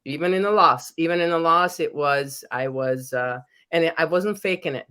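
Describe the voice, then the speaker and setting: A middle-aged Hungarian professor and author, speaking with a Hungarian accent, is a guest in a podcast interview. Her deep voice is fairly bright, clear and resonant, with a moderate pace. She talks earnestly and often restarts her sentences.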